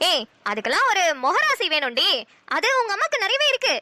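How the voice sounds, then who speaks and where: A woman with a Namakkal Tamil accent voices a cartoon in playful, teasing banter. Her voice is very high and bright. The sound is dry and close. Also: sing-song, normal speed, dry recording. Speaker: cartoon voice artist. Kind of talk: cartoon voice acting.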